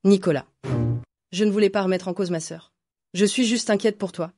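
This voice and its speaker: An anxious, jealous younger sister, dubbed by a woman in a drama. Her voice is mid-pitched, and she sounds worried and pleading. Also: steady tone, moderate pace, darkish tone, dry recording, soft background music, close to an everyday voice. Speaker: dub actress.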